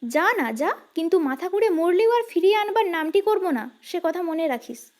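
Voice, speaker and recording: A woman's voice: extremely high pitch, expressive, normal speed. A woman voicing a scolding elder housewife. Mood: angry, scolding. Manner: scolding, loud and sharp. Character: stern older woman, head of household, quick-tempered.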